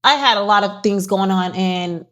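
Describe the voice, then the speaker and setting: A woman's voice: mid-range voice, normal speed, fairly bright tone. A middle-aged woman co-hosting a candid podcast, speaking frankly and earnestly and laughing easily. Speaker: podcast co-host.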